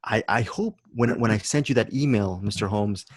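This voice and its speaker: A man's voice: fairly low pitch, normal speed, no room sound. A man hosting a film podcast, chatting enthusiastically about a movie and often repeating words as he searches for phrasing. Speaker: podcast host.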